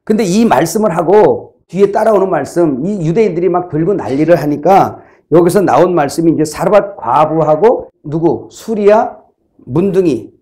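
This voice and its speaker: A middle-aged man preaching a sermon as a pastor, telling stories with lively acted-out voices and laughter. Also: fairly high pitch, normal speed. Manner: animated storytelling, acting out voices and laughing.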